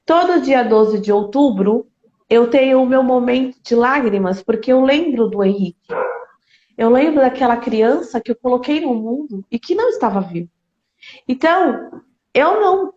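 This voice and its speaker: A fairly high, earnest woman in a roomy room. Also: darkish tone. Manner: earnest, emotional, repeats phrases for emphasis. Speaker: speaker sharing a personal grief story. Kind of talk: heartfelt conversational talk. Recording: roomy, slightly dull sound.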